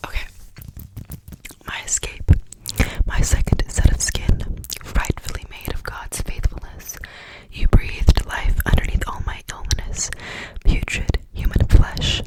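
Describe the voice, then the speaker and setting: A woman whispering close to the mic in an ASMR poetry reading, softly repeating words as triggers. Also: measured pace, rough recording. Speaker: ASMR creator.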